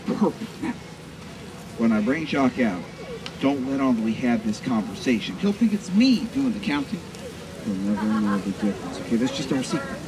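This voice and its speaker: A man working as a flea circus showman, delivering grandiose, mock-formal carnival patter to a live audience with dramatic, drawn-out emphasis. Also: mid-range voice, animated, low-quality recording. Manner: mock-formal, addressing onlookers as ladies and gentlemen. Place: live public show at a community event. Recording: live event with crowd noise behind. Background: audience crowd.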